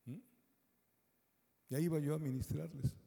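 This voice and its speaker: Gravelly preacher. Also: male voice, fairly high pitch, moderate pace. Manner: animated storytelling, acts out quoted voices. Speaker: preacher giving testimony. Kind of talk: sermon testimony. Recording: long hall reverb.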